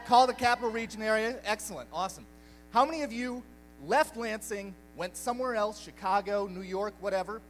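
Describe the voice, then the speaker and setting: Young man, high voice, from Belgium, jokey stage talk to a crowd. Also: a little hiss or hum, rough recording. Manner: lively, jokey, addresses crowd directly. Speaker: speaker at a live community talk night. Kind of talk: upbeat live talk to an audience.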